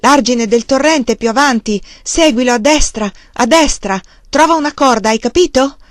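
A woman's voice: moderate pace, no echo, clean studio sound, lightly acted. A woman reading as an urgent young pioneer mother. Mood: shouting urgently. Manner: urgent, calls out at a raised pitch.

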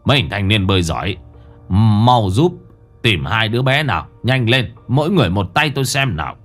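A man voicing an elderly village elder who speaks in a steady, commanding way. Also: lowish voice, brisk, faint music behind. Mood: urgent. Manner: steady, authoritative.

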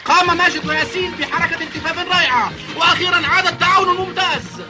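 A man playing an excitable, amazed football commentator in an animated series, exclaiming dramatically. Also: very high voice, rapid-fire. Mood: excited. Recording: loud music under the voice. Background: loud music.

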